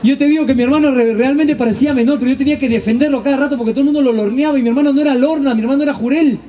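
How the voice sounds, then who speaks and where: A man's voice: very high-pitched, racing, warm tone, a little hiss or hum. A man doing a stand-up comedy monologue, telling stories animatedly and acting out his family's voices. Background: audience laughter.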